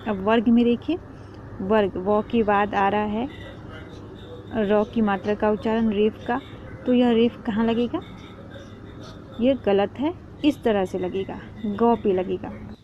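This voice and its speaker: A woman teaching parents a spelling lesson, speaking slowly and patiently and repeating each sound. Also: medium pitch, steady tone. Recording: dull lo-fi with faint noise.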